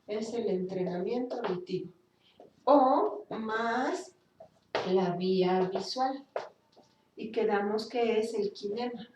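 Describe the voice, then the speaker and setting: A woman's voice: medium pitch, slow, long pauses, lo-fi sound, noisy background. A woman teaching a speech therapy class, explaining step by step and acting out sounds with exaggerated articulation. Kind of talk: university class lecture. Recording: echoey room, from a distance.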